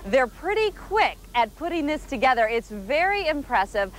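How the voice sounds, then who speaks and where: A woman's voice: high-pitched, big pitch swings, rough recording. A woman in her thirties reporting live outdoors on a park lawn, upbeat and chatty, on a lapel mic. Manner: upbeat, chatty, quick-talking. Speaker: TV news field reporter. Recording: faint outdoor background noise.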